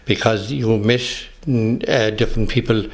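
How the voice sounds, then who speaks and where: Looking back on his working life, the retired police officer from Galway, now in his sixties, speaks with a west of Ireland accent in a fairly low, steady voice. He answers the interview haltingly, hesitating and repeating words.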